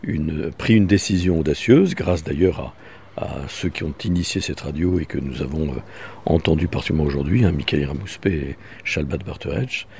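A bishop speaks in a radio interview with a very low, dark, mellow voice. He explains in a measured way, pausing on fillers as he builds his points. A faint noise sits beneath him.

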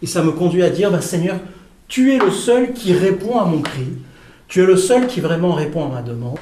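Male speaker, teaching talk to an audience; halting, repetitive, asks questions; slightly high voice; roomy, off-mic sound with faint room noise. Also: lively intonation, dark tone. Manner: halting, many fillers and repeated words, asks the audience questions. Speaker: teacher on prayer addressing a group. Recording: echoey room, voice from a distance.

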